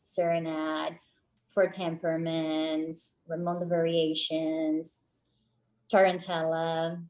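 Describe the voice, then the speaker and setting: A young Brazilian professional ballet dancer gives casual interview answers in a friendly manner, laughing easily. Her voice is on the low side and a little mellow, and the audio quality is poor.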